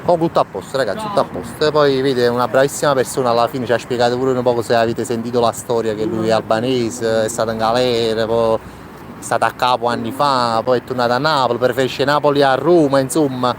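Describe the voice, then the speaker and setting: A man's voice: medium pitch, fairly even intonation, quick pace. A man in his thirties with a Neapolitan accent chatting casually on a live street video, reassuring and repeating short phrases. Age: 30s. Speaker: charity volunteer hosting a live street video. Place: outdoor city street. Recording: noisy outdoor city street with traffic.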